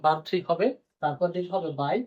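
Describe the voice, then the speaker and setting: Speaking fast in a steady tone, this slightly high-voiced man teaches grammar, going over points again and posing questions he then answers himself. The audio is dull and lo-fi, with a band-limited quality.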